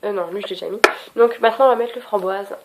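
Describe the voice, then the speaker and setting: A woman's voice: medium pitch, steady tone, fast talker, slight background noise. Chatty French beauty vlogger woman. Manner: chatty, scattered, self-mocking. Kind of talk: casual product review.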